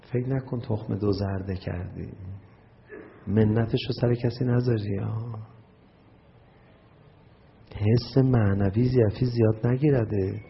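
A man's voice: fairly low pitch, fairly even intonation, creaky, long pauses, a little hiss or hum. A man preaching a sermon in a conversational way, acting out his listeners' replies and chanting some phrases. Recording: muffled recording in a reverberant hall.

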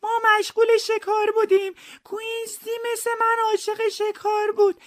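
A weepy widow cries out her lines in a piercing falsetto. The voice stays stuck on one high note, wailing and stretching each word. It belongs to a comic mystery storybook. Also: monotone. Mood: tearful wailing. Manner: tearful wailing, drawn-out words.

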